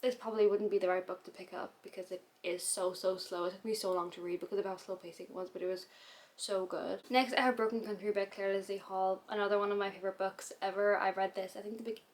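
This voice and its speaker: Woman book vlogger, casual chat, quick and rambling, ongoing hiccups. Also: medium pitch, fairly even intonation. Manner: rambling, chatty, loose.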